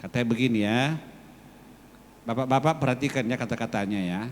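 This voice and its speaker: A man leading a congregation, coaxing and repeating phrases slowly for emphasis while calling out to the men. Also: mid-range voice, slight background noise. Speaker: worship leader addressing the congregation. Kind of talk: lively sermon-style exhortation. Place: large church hall. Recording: long church hall reverb.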